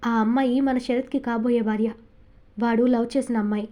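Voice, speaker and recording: Storybook lover: a woman voicing a tender, teasing young man, affectionate delivery, slightly high mellow voice. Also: steady tone, moderate pace, natural voice.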